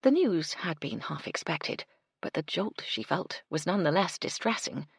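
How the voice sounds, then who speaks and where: A woman reading a cozy mystery audiobook with steady scripted narration. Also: on the low side, unhurried, slightly rough, no room sound, clean studio sound.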